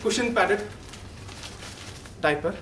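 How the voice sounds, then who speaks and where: A young man with an Indian accent delivering a prepared humorous speech in a formal, rehearsed, theatrical way with deliberate pauses. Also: sits high, fairly bright tone. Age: young adult. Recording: roomy echo, distant mic, faint noise.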